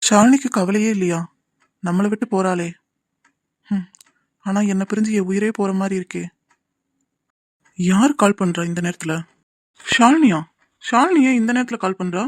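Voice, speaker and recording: A lovesick young man in a cartoon, subdued and wistful over the girl he loves, with a woman voicing him. His voice sits at a middle pitch and is recorded close and dry. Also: normal speed, long pauses, no room sound, lightly acted. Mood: heartsick. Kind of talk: cartoon voice acting.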